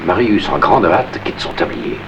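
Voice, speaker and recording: A male narrator reads stage directions in a calm, measured way. His voice is very low. The hissy tape marks it as an old archive recording.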